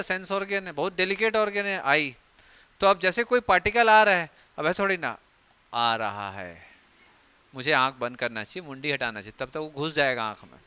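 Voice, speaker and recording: A man's voice: high-pitched, pushed and bright, clear, resonant tone, no echo. A young man teaching biology in a chatty, joking classroom lecture, acting out everyday scenes.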